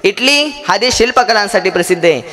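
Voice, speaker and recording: High-voiced man preaching a kirtan. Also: expressive, brisk. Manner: rhythmic declamatory lists, rising to shouts; chatty asides to audience and children. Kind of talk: devotional kirtan sermon. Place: village festival pandal before a crowd.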